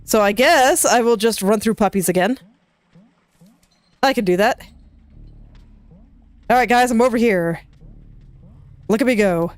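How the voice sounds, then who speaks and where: Pitched fairly high, a woman's voice is captured with no room sound while she games. In let's play style, she gives chatty, casual commentary, talking to herself along the way and letting out quick laughs.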